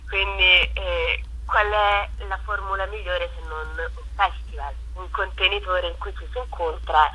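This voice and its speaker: Calling in over a noisy telephone line to a radio show, a woman from a theatre company enthusiastically promotes a festival. Her mid-range voice is bright and forceful, with a slight roughness.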